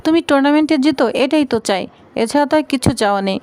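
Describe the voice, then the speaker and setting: A woman reading as a gentle young wife. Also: high voice, expressive, fast. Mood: earnest.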